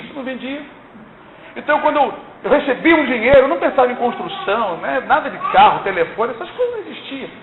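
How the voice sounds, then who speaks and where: An older man giving an earnest, exhorting church testimony, often asking "não é?". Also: sits high. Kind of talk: sermon-like testimony. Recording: tinny lo-fi recording in echoey room, faint hiss.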